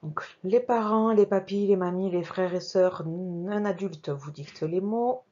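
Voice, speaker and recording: Slow, careful woman teaching young children. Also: fairly low pitch, dark tone, highs cut off. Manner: slow, careful, articulating each sound; talks while working the mouse on screen. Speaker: primary school teacher. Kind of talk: remote reading lesson for young children.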